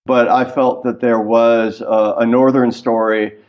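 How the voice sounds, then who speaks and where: A man's voice: mid-range voice, level tone, a little slow. A man from Washington, D.C. answering interview questions thoughtfully over a remote line, with fillers and restarts. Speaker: guest historian. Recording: dull lo-fi call-in line.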